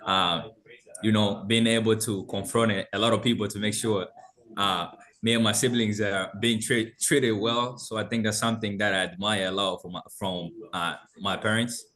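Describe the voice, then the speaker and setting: A young man from Tanzania speaks on a webinar panel in a fairly low voice over a video call. He tells his story earnestly, halting now and then on fillers. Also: fairly even intonation, fairly bright tone. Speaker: intern, panel guest.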